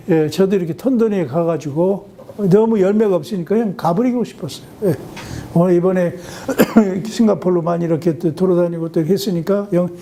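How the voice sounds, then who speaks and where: High-voiced Korean missionary preaching. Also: male voice, a little hiss or hum. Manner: lively storytelling, acts out quoted voices; frequent affirming "예" fillers. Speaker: missionary pastor. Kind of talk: sermon.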